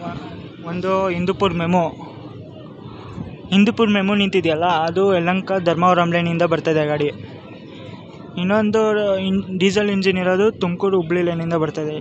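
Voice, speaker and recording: A man's voice: high-pitched, steady tone, moderate pace, long pauses, dull audio. A young man filming a train trip on his phone, talking casually about the routes and reeling off train numbers. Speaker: train travel vlogger. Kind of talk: casual on-board commentary. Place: open door of a moving train at busy stations. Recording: loud train and crowd noise.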